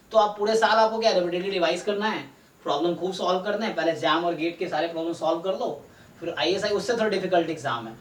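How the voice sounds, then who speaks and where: A man teaching a live online math class, explaining step by step and often checking in with his students. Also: high-pitched. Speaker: statistics teacher. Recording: roomy echo, distant mic.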